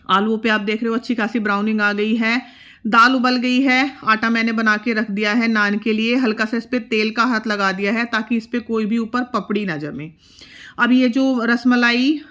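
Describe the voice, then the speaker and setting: A woman's voice: a little high, fairly bright tone. A middle-aged woman in her home kitchen, chatting casually as she explains each cooking step. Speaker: cooking vlogger.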